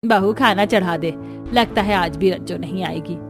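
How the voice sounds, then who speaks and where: A woman voicing an easygoing middle-aged mother who talks slowly and plainly. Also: lowish voice, creaky, music in the background. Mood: relaxed.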